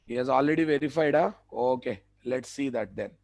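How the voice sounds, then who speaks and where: A man with a South Indian, Telugu-influenced English accent, teaching a live online software class in short instructions that he often repeats. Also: medium pitch, fairly quick, vocal fry, no room sound. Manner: repeats phrases, clipped instructions. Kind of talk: live online tutorial, addressing students.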